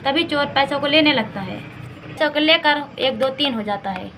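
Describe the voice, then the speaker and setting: A woman telling a village doll story in a simple, plain way. Her voice is high and bright, with faint background noise. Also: expressive, normal speed. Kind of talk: storytelling narration with dolls.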